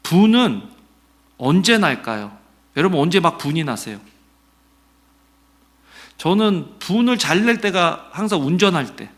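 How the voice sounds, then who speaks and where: A middle-aged man preaching a Sunday sermon as pastor, conversational and animated, asking the congregation questions and acting out quotes. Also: fairly high pitch, a little slow, long pauses.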